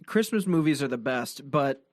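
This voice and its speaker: A young man co-hosting a podcast in casual chat, adding quick joking one-liners. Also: mid-range voice, expressive, dry recording, studio quality. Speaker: podcast co-host.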